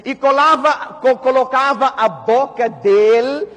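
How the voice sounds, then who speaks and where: High bright-voiced preacher in a hall. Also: male voice, measured pace. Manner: impassioned, swings from loud exhortation to hushed storytelling, recites Arabic verses. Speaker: Friday sermon preacher. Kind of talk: Friday mosque sermon. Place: mosque hall. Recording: reverberant mosque hall.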